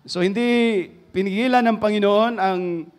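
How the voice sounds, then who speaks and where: A man with a Filipino accent preaching a sermon, switching between Filipino and English, swinging from loud emphatic phrases down to hushed, low passages. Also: measured pace, smooth. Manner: mixes English into Filipino, rising to loud emphasis then dropping to hushed tones.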